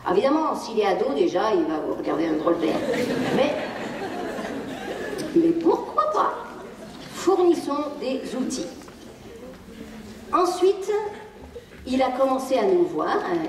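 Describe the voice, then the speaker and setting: A woman with a French accent gives a live talk on stage in a playful, animated way, her voice rising and falling widely. She sits a little high for a woman. She is heard from some distance across a large hall with a long, roomy echo. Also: noisy background. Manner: lively, playful, acts out quoted lines, laughs often. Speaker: speaker giving a public lecture on child emotions. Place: lecture hall with audience. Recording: echoey hall, distant mic.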